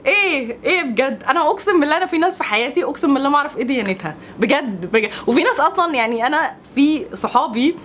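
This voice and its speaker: A young woman with an Egyptian accent talking in a casual vlog, animated and exasperated, laughing often. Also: high-pitched, very fast, hardly any pauses, a little hiss or hum. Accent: Egyptian Arabic. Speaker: vlogger.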